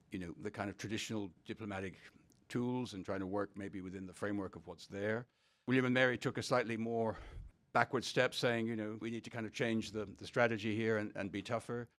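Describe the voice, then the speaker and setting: A man's voice: on the low side, steady tone, a little fast, a bit bright. A man acting as a panel judge, giving unscripted feedback to presenters.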